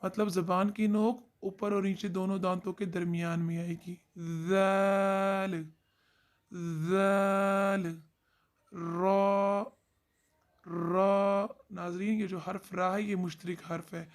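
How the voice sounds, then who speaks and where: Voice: medium pitch, level tone, normal speed, few pauses. A Quran recitation teacher giving a tajweed lesson, explaining where each letter is sounded and drawing out demonstrations of the letters. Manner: addresses viewers directly and often.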